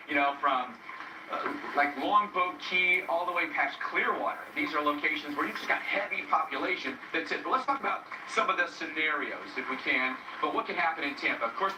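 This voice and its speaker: A man reporting live on the weather as a field meteorologist, explaining in an emphatic, conversational way with frequent check-in tags. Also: fairly high pitch. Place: live on location in stormy weather. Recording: roomy, distant mic with loud background noise.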